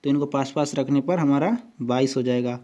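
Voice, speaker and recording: A man's voice: mid-range voice, dark tone, lo-fi sound. A man teaching a coaching-class lesson at a board, walking through memory tricks step by step and often asking "theek hai" to check along. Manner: repeats "dosto" and "theek hai" often, spells out words slowly. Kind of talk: whiteboard tutorial lesson.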